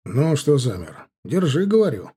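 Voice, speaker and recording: A stern, commanding old general, brisk and dry-humoured, as a male audiobook reader voices him. His voice is mellow and slightly husky, with a lively, rising tone. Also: mid-range voice. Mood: gruff. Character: stern but good-natured older army general.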